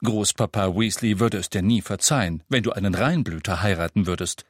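A man's voice: lowish voice, fairly quick, no echo, studio quality, lightly acted. A man voicing a joking, teasing father talking to his daughter.

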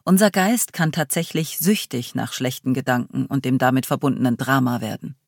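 A reader doing a thoughtful male guide in a storybook reading. He talks slowly and evocatively, leading his listeners step by step. The sound is dry and close. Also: mid-range voice, vocal fry, no room sound, voice pushed down. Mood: calm. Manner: slow, guiding, evocative. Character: calm group guide Paul, a thoughtful man. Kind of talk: audiobook reading.

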